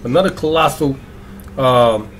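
A young man hosting his reaction channel in an excitable, slangy way, stretching out hype words and throwing in singsong ad-libs. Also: medium pitch, unhurried, a little hiss or hum. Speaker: YouTube reaction channel host. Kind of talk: hyped casual vlog intro.

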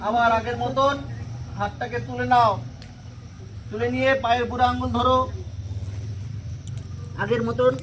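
A woman's voice: fairly high pitch, steady tone, unhurried, pauses often, a little hiss or hum, poor audio. A woman yoga teacher, leading a class of schoolchildren and giving step-by-step commands and counting aloud.

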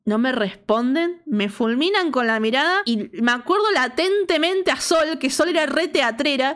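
A woman in her thirties with an Argentine accent, casually telling a personal story to her viewers in an animated, slangy way and acting out her friends' lines. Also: sits high. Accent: Argentine Spanish. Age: 30s. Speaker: storytime vlogger.

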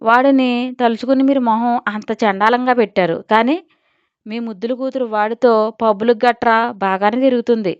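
A woman's voice: fairly high pitch, fairly quick, clean tone, no echo, close to an everyday voice. A woman voicing a cheeky young man who mocks and teases sarcastically. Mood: mocking. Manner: mocking, sarcastic. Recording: dull lo-fi audio.

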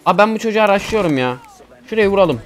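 A man giving casual, excitable gameplay commentary, chatting to viewers and teammates and swearing casually. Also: sits high, quick pace, faint music behind. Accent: Turkish. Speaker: gaming YouTuber.

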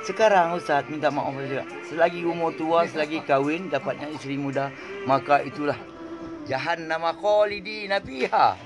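A man in his eighties from Kedah with a Malaysian Malay accent, reflecting on faith in a halting, rambling way, recorded on a phone in a small room. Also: on the high side, over music. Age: 80s. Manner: halting, rambling, sprinkles Arabic phrases. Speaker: interviewee. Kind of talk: religious reflection. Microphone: phone held close.

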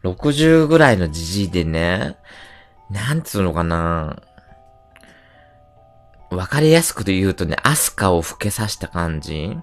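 A man livestreaming in casual chat, telling stories in an animated, rough and slangy way. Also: deep voice, a little slow, pauses often, soft background music. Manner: animated ranting storyteller, rough slangy speech.

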